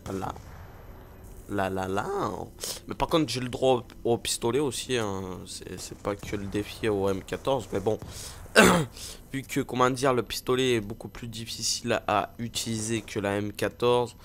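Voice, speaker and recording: A man's voice: medium pitch, fairly even intonation, moderate pace, a little hiss or hum. A young man giving rambling, playful live commentary over a video game, with lots of fillers and jokes at his own expense. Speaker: gaming video host.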